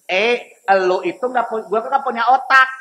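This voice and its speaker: A man voicing a cheeky male monkey who mocks a human in slangy street banter, his voice pushed higher. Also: normal speed, bright, forceful tone. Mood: mocking.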